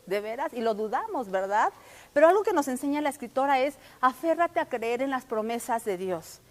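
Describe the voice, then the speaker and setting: A woman in her forties with a Mexican Spanish accent, teaching a church workshop in a warm, conversational way that keeps checking in with the listener through rhetorical questions. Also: high-pitched, sing-song, brisk.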